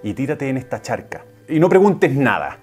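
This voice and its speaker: A man voicing a cunning, scheming talking cat that flatters a king and bullies peasants, in a storytelling for listeners. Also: mid-range voice, moderate pace, faint music behind, natural voice. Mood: commanding. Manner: flattering to royalty, threatening to peasants.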